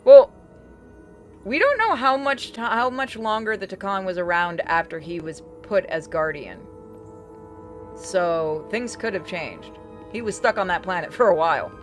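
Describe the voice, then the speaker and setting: A woman with a medium-pitched, animated voice talks at an unhurried pace while streaming a video game. She chats casually and informally as she plays, with game music in the background.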